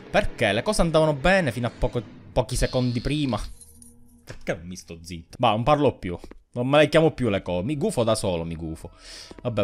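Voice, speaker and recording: A man with an Italian accent giving sarcastic, chatty commentary while playing a horror game, talking back to the ghost. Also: medium pitch. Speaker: gaming YouTuber.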